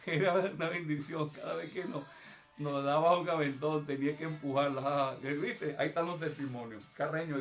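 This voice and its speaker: A man preaches to his congregation in a high, emphatic voice. He talks to them directly and acts out prayers with raised intensity. Soft music plays faintly behind him during the service. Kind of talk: evangelical sermon. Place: church service.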